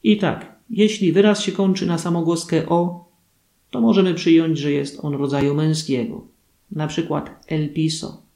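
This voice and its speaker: A man giving a scripted grammar lesson, explaining rules clearly and reading out examples. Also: fairly high pitch, steady tone, moderate pace, dark tone. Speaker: language teacher. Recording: echoey room.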